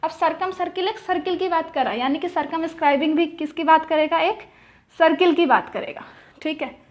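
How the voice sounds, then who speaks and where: Teaching geometry at the whiteboard, this young math teacher asks questions, supplies the answers herself, and keeps repeating the key terms. She speaks briskly in a very high voice.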